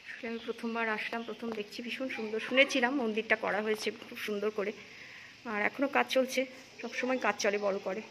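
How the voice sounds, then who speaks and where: A woman's voice: a little high, steady tone, fast talker. A woman vlogger with a Bengali accent, chatting casually to her viewers as she films around her home and a temple. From India. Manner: chatty, addresses viewers as friends; speaks softly inside the temple. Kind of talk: casual vlog narration. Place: temple and home, partly outdoors. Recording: noisy phone audio with ambient sound.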